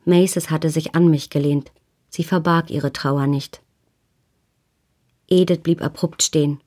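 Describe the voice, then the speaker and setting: A woman calmly narrating a novel in the first person as an audiobook reader. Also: low-pitched, takes it slowly.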